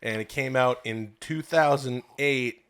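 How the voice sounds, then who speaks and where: Comic podcast host, man, bright and forward tone, jokey banter with sudden loud outbursts. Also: medium pitch, measured pace, clean tone. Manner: playful, bursts into loud goofy shouts. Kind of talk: casual comedic chat.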